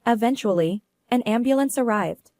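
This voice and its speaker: A woman narrates a first-person story in a steady, earnest way. Her voice sits a little high, and the recording is dry and close. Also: moderate pace, no room sound.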